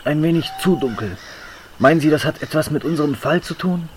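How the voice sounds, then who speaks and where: A man's voice: on the high side, lively intonation, a little fast, a little hiss or hum, lightly acted. A man playing a cocky, bumbling police detective in a comedic audio drama. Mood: cocky, dry.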